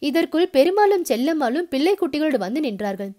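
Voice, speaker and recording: A woman narrates a novel aloud with a notably high voice. Her reading is steady and expressive, carrying the listener from scene to scene. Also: brisk. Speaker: storyteller.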